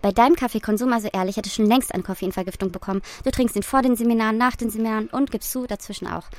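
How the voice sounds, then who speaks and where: A woman's voice: a little high, steady tone, racing, natural voice. A woman voicing a bony old fortune teller who lectures like a best friend, teasing and lecturing. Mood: teasing scolding.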